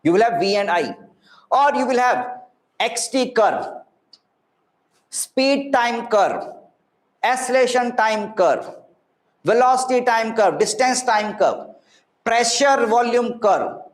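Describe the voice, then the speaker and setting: A man's voice: very high voice, expressive, slow, pauses often. A man with an Indian accent teaching an interactive online physics class, repeating phrases, mixing Hindi words into English and often checking that students follow. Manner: repeats phrases, asks frequent checking questions. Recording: echoey room sound.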